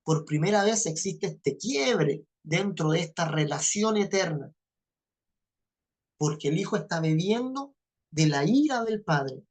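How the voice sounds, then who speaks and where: A woman leads a Bible class in an even lecturing voice. She checks often that her listeners are following. She repeats key phrases to stress a point. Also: on the low side. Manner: checks understanding with frequent "¿ya?". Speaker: Bible teacher.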